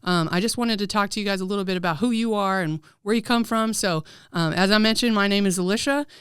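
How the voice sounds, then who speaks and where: A woman's voice: mid-range voice, fast talker, a bit bright, clear, resonant tone, no room sound, studio quality. Chatty woman podcast host. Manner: upbeat, chatty, with fillers. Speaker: podcast host, student life coordinator. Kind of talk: podcast hosting and interview.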